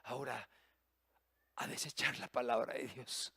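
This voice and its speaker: A male pastor, preaching an impassioned sermon that swings from loud emphasis to hushed low asides. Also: fairly even intonation, a little slow, gravelly, slightly rough, no room sound, clean studio sound.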